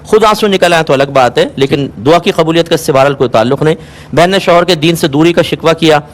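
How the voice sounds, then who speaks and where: A man answering viewers' religious questions on a call-in show, calm and explanatory, asking listeners to check they follow. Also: fairly high pitch. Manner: calm, explanatory, patient advice; asks rhetorical checks, occasionally amused.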